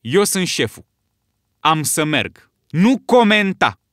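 A man reading an audiobook, voicing a commanding boy leader who shouts urgent orders. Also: fairly high pitch, huge pitch swings, breathy edge, dry recording, studio quality, voice pushed up, heavily acted. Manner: raised, insistent shouting.

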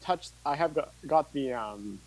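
An expressive man in his thirties with a mid-range voice and measured pace leads a relaxed hands-on tutorial, thinking aloud while he demonstrates. The recording is rough, made in an indoor home studio stocked with tape gear.

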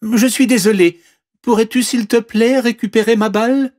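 A man's voice: very high voice, fairly even intonation, moderate pace, a little mellow, voice pushed up. A man voicing a spoiled, haughty young princess in a storybook reading. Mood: pleading.

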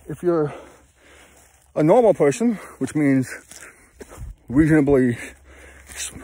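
A man in his thirties walking outdoors, talking to a phone held at arm's length in a halting, self-deprecating way, sweaty from hiking. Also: a little high, darkish tone, husky. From California, USA. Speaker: travel vlogger. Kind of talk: rambling walk-and-talk vlog. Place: outdoors on open hills.

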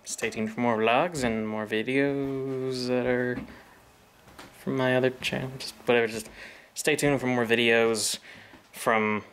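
A man's voice: medium pitch, steady tone, unhurried, a bit bright. A man talking in a casual vlog, rambling with many fillers and restarts, a bit out of breath. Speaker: vlogger. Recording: noisy background.

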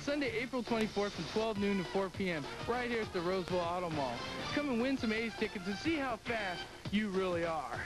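A man's voice: high-pitched, expressive, a little fast, hardly any pauses, music in the background, low-quality recording. A man reading a radio sports-update commercial in an upbeat, punchy announcer style.

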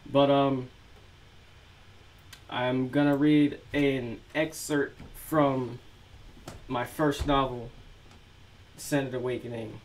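A man's voice: medium pitch, takes it slowly, pauses often, slight background noise, poor audio. A man chatting casually with many fillers before reading an excerpt of his own novel aloud. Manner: relaxed, filler-heavy chat. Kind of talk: casual chat, then reading prose aloud.

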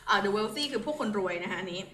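A woman's voice: mid-range voice, lively intonation, fairly quick, bright, forceful tone, echoey room, slight background noise. A young Thai woman with a Thai accent, giving a chatty, casual online English lesson full of fillers. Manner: chatty, friendly, many polite particles and fillers. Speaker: English tutor.

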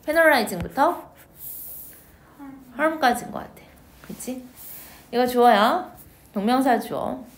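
A woman with a high voice gives an exam-prep English lecture. She talks in a casual, chatty way, putting questions to the class and then answering them herself. The room gives her voice a noticeable echo. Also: animated, slow pace, long pauses. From South Korea. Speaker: English teacher.

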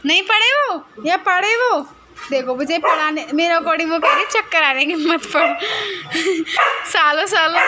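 A woman with a high voice chatters playfully about her pets, teasing them and laughing along as she goes. The recording is noisy, with home ambience clearly heard behind her. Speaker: pet vlogger. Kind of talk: casual commentary on pets at home.

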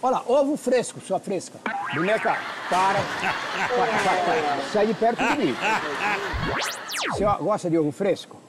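A man's voice: high voice, animated, normal speed, over loud music. A man with a Brazilian accent pulling hidden-camera pranks in a supermarket, playful and teasing, yelping when people chase him. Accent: Brazilian Portuguese.

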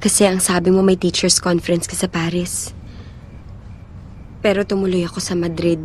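A woman's voice: on the low side, level tone, normal speed, darkish tone, a little hiss or hum. A woman acting a comedic film parody, speaking earnestly and pleadingly. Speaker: parody performer playing a pleading younger sister.

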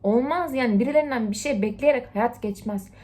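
A young woman talking casually to her viewers in a lively, lecturing way, swinging between loud and hushed. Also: fairly high pitch, a little fast. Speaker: TikTok vlogger. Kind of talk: casual motivational chat to camera.

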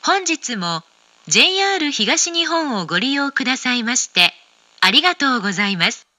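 Bright, high-pitched female station announcer. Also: sing-song, dry recording. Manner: formal, measured, carefully enunciated. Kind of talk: scripted automated station announcement.

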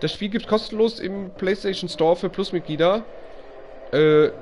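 Man, live game commentary, jumpy and excitable, slightly high voice, faint hiss. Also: moderate pace. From Germany. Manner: excitable, jumpy, talks to chat and game characters. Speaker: live streamer.

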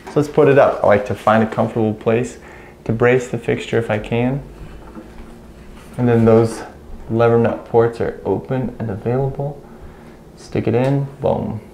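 A man in his thirties, an electrician, explains each step while he installs a ceiling light, in a relaxed, practical way. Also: medium pitch, vocal fry, a little hiss or hum. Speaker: electrician instructor. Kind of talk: hands-on how-to narration. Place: small room in a house, indoors.

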